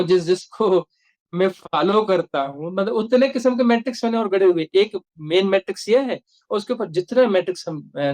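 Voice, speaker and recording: A man's voice: sits high, a little mellow. A man, giving a reflective spiritual discourse as a teacher and repeating phrases for emphasis.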